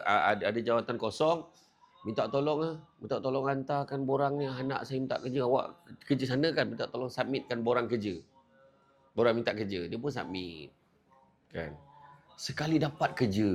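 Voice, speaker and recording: A man with a Malaysian Malay accent giving a religious lecture as a preacher, telling stories with lively acted quotes and casual asides. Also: medium pitch.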